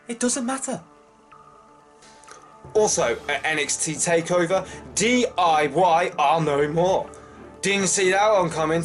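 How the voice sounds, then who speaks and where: A man in his thirties hosting a casual wrestling news show to camera, upbeat and chatty, with big jumps in pitch for emphasis. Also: fairly bright tone. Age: 30s. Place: small wood-panelled room full of wrestling posters. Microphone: webcam close up, then wide desk camera.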